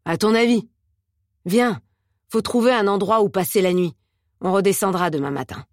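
A woman voicing a rough-voiced, stoned young man in an audiobook, with slangy, coarse, grumbling talk. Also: mid-range voice, normal speed, darkish tone, no room sound, clean studio sound, natural voice. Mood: urgent. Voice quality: hoarse, gravelly. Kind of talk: audiobook character voice.

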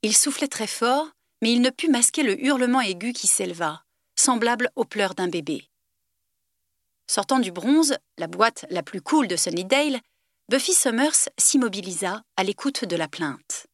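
A woman narrating a novel aloud in an expressive, lively audiobook style. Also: on the high side, moderate pace, no echo, clean studio sound. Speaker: reader.

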